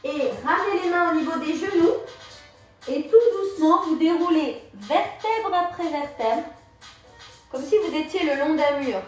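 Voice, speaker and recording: A woman's voice: high-pitched, animated, measured pace. A woman instructor leading a live Pilates and yoga class, cueing breaths and movements step by step. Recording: very echoey room, mic far off, music behind.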